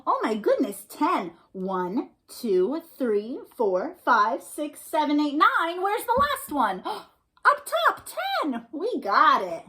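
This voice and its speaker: A woman librarian hosts an interactive storytime and singalong for young children, her high voice very animated, pushed, and bright. She speaks slowly, playful and encouraging, often asking her listeners questions.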